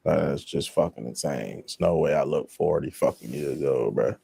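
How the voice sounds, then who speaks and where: A young man in his twenties speaks with a low, gravelly voice, dismissive and full of curses as he talks on a casual stream. The sound is dry and close to the mic. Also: moderate pace, mellow, no room sound. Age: 20s. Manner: blunt, dismissive, profane.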